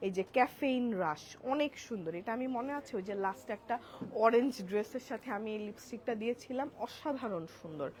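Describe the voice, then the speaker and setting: Her pitch is fairly high, her intonation lively, and she talks fast as she hosts a live-stream sale in a busy indoor store outlet. She chats with viewers, calling them apu, alternating soft and loud talk while showing products. It's captured on a clip-on mic amid chattering shoppers.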